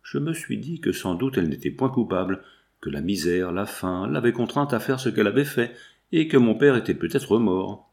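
A man voicing a gentle, earnest young seamstress in an audiobook, speaking in a lively voice close to his own. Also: lowish voice, moderate pace, vocal fry.

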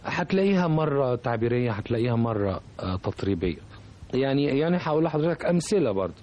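A man with an Egyptian accent, a composer being interviewed on radio, talking reflectively and pausing often to find his words. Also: medium pitch, sing-song, muffled recording. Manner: reflective, hesitant, searching for words. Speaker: composer, guest.

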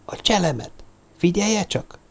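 A man's voice: high voice, lively intonation, creaky, husky, voice pushed up, full character voice. A man voicing a tense male police lieutenant in an audiobook, urgent and commanding.

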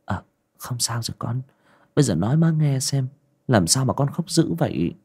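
A man voicing an anxious young mother who soothes her frightened children in a softly coaxing way. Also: mid-range voice, big pitch swings, normal speed, husky, pitched above the performer's own voice. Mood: soothing. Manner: soft, coaxing, fussing.

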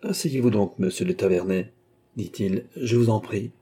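Man reading a composed aristocratic seer, smooth and ironic, dark husky tone, a little raised pitch. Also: normal speed. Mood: calm, ironic. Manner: smooth, courteous, quietly mocking. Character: calm, mysterious count who claims to be a seer. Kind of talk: audiobook character reading.

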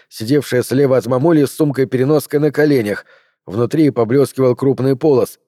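A man reading a novel aloud as an audiobook narrator, in a steady, measured storytelling delivery. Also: medium pitch, dry recording, studio quality.

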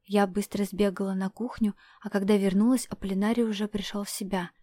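A woman narrating a first-person fantasy audiobook in an even, measured way. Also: medium pitch, dry recording.

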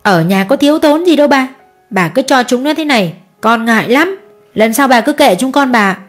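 A woman voicing a shrill, nagging middle-aged stepmother who scolds the children. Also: soft background music, lightly acted. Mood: scolding. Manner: sharp, nagging, quick scolding.

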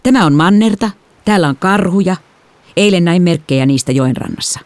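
Stern gruff dad, as a woman reads him. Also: lowish voice, lively intonation, dry recording, pitched above the performer's own voice, close to an everyday voice. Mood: warning. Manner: gruff, curt. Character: stern, overprotective father.

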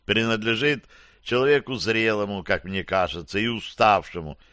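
Wry low-voiced male audiobook narrator. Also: normal speed, sharp tone, no echo, studio quality. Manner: wry, slangy storytelling. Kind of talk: first-person audiobook narration.

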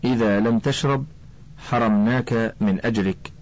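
A narrator doing a menacing rough horseman. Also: mid-range voice, moderate pace, a little mellow, natural voice. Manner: harsh and threatening.

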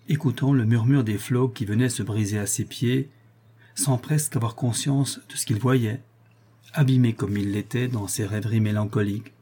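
A man narrating a classic novel in a steady, measured reading. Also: medium pitch, slightly rough. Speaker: audiobook narrator.

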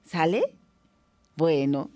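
A woman's voice: low-pitched, huge pitch swings, very slow, dark tone, dry recording. A woman hosting a children's radio show from a booth, talking friendly and straight to young listeners. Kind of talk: casual children's radio chat.

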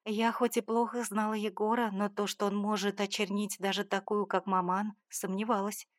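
A woman narrating a first-person audiobook in a steady, measured, dramatic reading. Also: medium pitch, no echo, studio quality.

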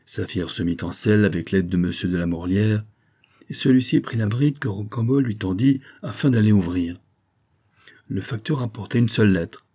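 A man narrating a classic novel as an audiobook, in a measured storytelling manner. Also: lowish voice, dark tone. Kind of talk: scripted narration.

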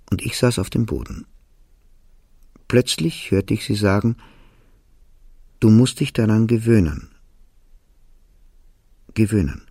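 A man reads a literary novel aloud in the first person, calm and deliberate. His low voice has a husky, gravelly grain. The studio sound is dry and close. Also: no echo. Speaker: audiobook reader. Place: recording studio.

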